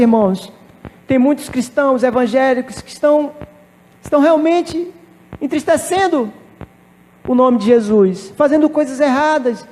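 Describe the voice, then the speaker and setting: A pastor preaching a sermon, telling a personal testimony with emphatic repetition. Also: male voice, very high voice, a little mellow, big-room sound. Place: church.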